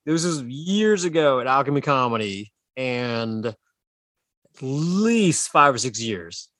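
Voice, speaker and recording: A man's voice: medium pitch, bright, forceful tone, no echo, studio quality. A man co-hosting a casual podcast, telling stories loosely and swearing freely. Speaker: podcast co-host and improv comedian.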